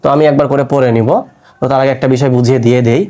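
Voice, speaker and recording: A man teaching a Quran recitation class, explaining patiently and stretching letter sounds to demonstrate, tired from fasting. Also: medium pitch, little pitch movement, warm tone.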